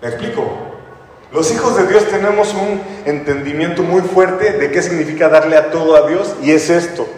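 A man's voice: on the high side, normal speed, a little mellow, slight background noise. A man preaching a sermon, telling stories in a casual, conversational way with frequent rhetorical tag questions. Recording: echoey hall from far off.

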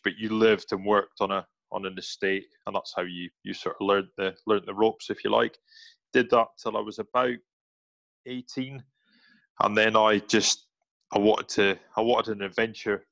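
A man in his forties with a Highland Scottish accent, chatting informally as a podcast guest in a matey, self-deprecating way. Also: creaky, fairly bright tone, no room sound. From Highlands of Scotland, near Inverness. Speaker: podcast guest, military veteran. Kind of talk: casual chat, personal storytelling.

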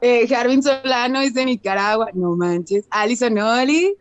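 A woman's voice: a little high, unhurried, no room sound. A woman with a Mexican accent co-hosting a casual live stream, giggling as she reads out viewers' greetings.

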